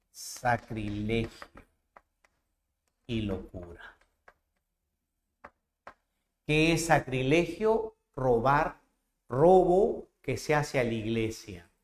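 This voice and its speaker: A man teaching literature by acting out old legends. He talks slowly and theatrically and keeps turning to the listener with questions. The sound bounces around an echoey room. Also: mid-range voice, very animated. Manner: theatrical, with rhetorical questions to the student. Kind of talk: dramatized storytelling lesson.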